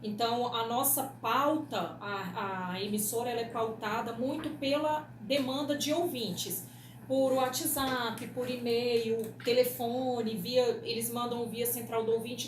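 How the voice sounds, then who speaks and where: A Brazilian woman working as a radio producer explains things in an interview, frequently checking in with short tag questions. Her voice is high, steady and unhurried, recorded in an echoey room with clear background noise.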